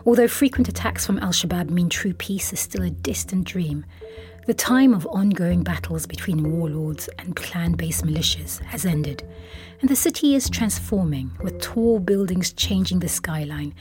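Calm female podcast narrator over faint music. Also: lowish voice, moderate pace. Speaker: podcast host. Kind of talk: scripted narration and interview questions.

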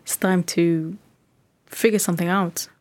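A woman in her thirties from Somalia, telling her own story in an interview, reflective and quick in places. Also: lowish voice, steady tone, darkish tone.

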